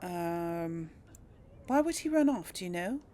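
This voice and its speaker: Chatting and thinking out loud, a woman hosts a relaxed role-play Let's Play. She has a warm, lowish voice with lively intonation and a slightly slow pace, and faint noise and game sounds play in the background.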